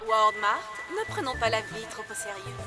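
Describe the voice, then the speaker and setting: A woman's voice: a little high, expressive, normal speed, natural voice. A woman voicing an upbeat store announcer, reading a scripted advert in a cartoon. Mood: cheerful selling. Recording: loud music over the voice.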